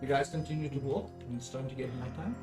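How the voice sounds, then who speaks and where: A man with a medium-pitched, slightly mellow voice talks at a quick pace as game master of a tabletop fantasy game, improvising the narration and repeating phrases for emphasis. The room is echoey, with faint music behind him.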